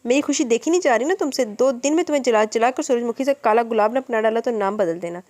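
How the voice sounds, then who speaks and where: A woman's voice: fairly high pitch, fast talker, a little mellow, natural voice. A woman reading the lines of a cheeky young man who boasts and mocks, raised a little above her narration. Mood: teasing. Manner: mocking, boastful.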